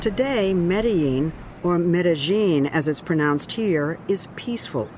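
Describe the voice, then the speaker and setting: A woman correspondent reading a scripted news report in a measured, grave manner. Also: fairly low pitch, animated, heavy background noise.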